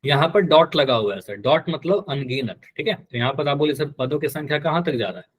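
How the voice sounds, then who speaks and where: A man's voice: on the high side, lively intonation, a little fast, breathy edge. A man teaching a live online math class, patient and repetitive, often quizzing his students. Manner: patient, repeats key terms and quizzes students.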